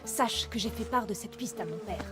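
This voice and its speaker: A woman voices a determined young huntress in a dubbed video game, earnest and urgent, serious and resolute as she worries over her stubborn father. Her mid-range voice moves at normal speed, lightly acted, with music in the background.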